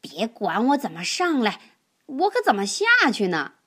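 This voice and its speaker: A woman voicing a mischievous young male elephant in a children's storybook, calling out in a high, stretched, squeaky voice. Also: big pitch swings, moderate pace, slightly rough. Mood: pleading. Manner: high squeaky calls, drawn out.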